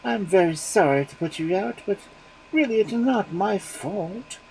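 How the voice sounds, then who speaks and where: A man voicing a sly, greedy fox in a storybook reading, sounding smooth and falsely reasonable. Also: high voice, animated, a little slow, a little mellow, a little hiss or hum, pitched above the performer's own voice, exaggerated voice, rough recording.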